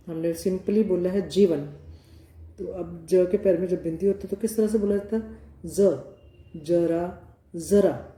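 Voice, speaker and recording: A woman teaching Hindi pronunciation to children, speaking slowly and stretching out each example word. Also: on the low side, mellow. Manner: slow, deliberate, stretching out example words. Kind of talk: slow classroom explanation to children. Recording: echoey room with faint ambient noise.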